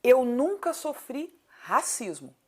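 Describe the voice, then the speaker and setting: Taking her time, this 38-year-old city council candidate from Paraná speaks in a high, breathy voice with big swings in pitch. As an interview guest with a southern Brazilian accent, she's emphatic and conversational, repeating herself and asking rhetorical questions.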